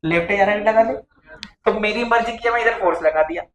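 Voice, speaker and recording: A man's voice: sits high, fairly quick, fairly bright tone. A man teaching a physics lecture to a class, coaxing and quizzing his students all the time. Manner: coaxing, keeps asking the class questions. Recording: echoey classroom with faint noise.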